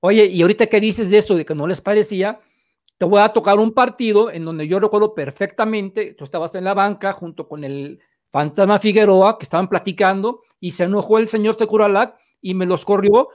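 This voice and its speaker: A man's voice: high-pitched, brisk. A man hosting an interview, asking long, rambling questions. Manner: long rambling questions, frequent short backchannels. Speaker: interviewer, host. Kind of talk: casual interview.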